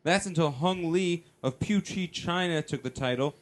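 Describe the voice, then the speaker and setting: Wry man with a slightly high voice. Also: normal speed, a little hiss or hum. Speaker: comedy table-read performer. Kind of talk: casual banter and script reading.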